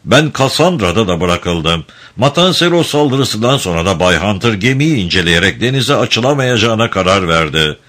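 Cool unbothered french sailor on the stand, pitched up a bit, sharp tone, a guy doing the voice. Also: animated, normal speed. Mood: composed. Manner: composed, unruffled testimony. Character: calm French sailor testifying in court.

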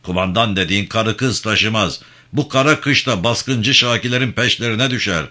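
A man's voice: on the low side, moderate pace, pushed and bright. A man voicing a harsh, short-tempered gendarme sergeant who barks, curses and talks down to people. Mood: barking angry. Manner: barking, cursing, contemptuous.

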